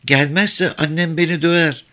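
A man's voice: fairly high pitch, fairly even intonation, normal speed, bright, forceful tone, voice pushed up. A man reading a novel aloud, voicing a bold, outspoken nine-year-old girl with earnest, insistent chatter. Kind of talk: audiobook character reading.

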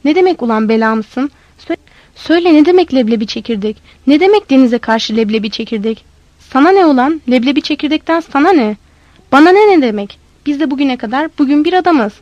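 A woman's voice: on the high side, lively intonation, moderate pace, no echo, lo-fi sound, lightly acted. A woman voicing a belligerent drunk man who stammers and repeats himself aggressively.

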